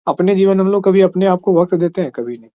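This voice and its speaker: Man, teacher, exam-prep lecture, mellow tone, raised pitch, muffled lo-fi sound. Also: quick pace. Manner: conversational, keeps asking "ठीक है?".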